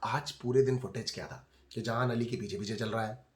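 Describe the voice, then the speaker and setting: A man's voice: medium pitch, fairly even intonation, a little fast. A man giving casual commentary on a reality show, chatty and scolding the people on it directly. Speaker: reality TV reviewer. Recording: echoey room.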